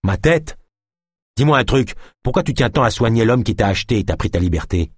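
A man's voice: medium pitch, animated, a little fast, slightly rough, dry recording, clean studio sound, voice pushed up. A man voicing a coarse, crude jail guard who grumbles in slangy talk. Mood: gruff.

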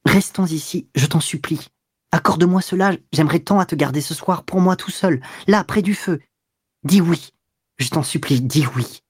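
A man's voice: medium pitch, steady tone, fairly quick, darkish tone, no echo, natural voice. A narrator voicing an irritable, penniless young man who grumbles and then begs, in an audiobook reading. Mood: pleading. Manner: gruff, then stammering and begging. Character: broke, irritable young man, pleading when cornered. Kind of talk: audiobook dialogue.

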